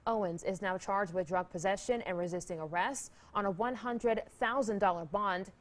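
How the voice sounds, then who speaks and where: News anchor woman, crisp read, upbeat banter, mid pitch. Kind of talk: TV news reading and studio banter.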